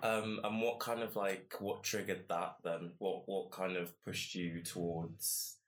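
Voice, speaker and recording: Low-voiced man hosting a podcast. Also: flat delivery, unhurried. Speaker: podcast host. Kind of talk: conversational podcast presenting.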